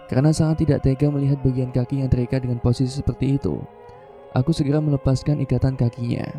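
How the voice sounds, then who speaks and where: A man telling a true-style horror story in first person, in slow, measured scripted narration. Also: medium pitch, warm tone. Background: faint background music.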